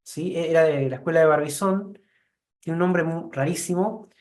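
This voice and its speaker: A man's voice: fairly high pitch, normal speed, a little mellow. A man with a Rioplatense Spanish accent joining a live online painting class, speaking hesitantly and searching for words.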